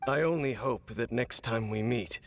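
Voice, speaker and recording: A man voicing a grave, mysterious swordsman in a game, gruff and gravelly, weakened and sick, speaking in a solemn, measured way. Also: mid-range voice, lightly acted. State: weakened, coughing.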